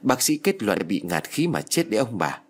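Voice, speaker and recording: A practical middle-aged neighbor in a storybook, as a male narrator puts him on, laying out the facts plainly. His husky voice moves with lively pitch. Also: normal speed. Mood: explaining. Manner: explanatory, matter-of-fact. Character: calm, knowing middle-aged man, the neighbor.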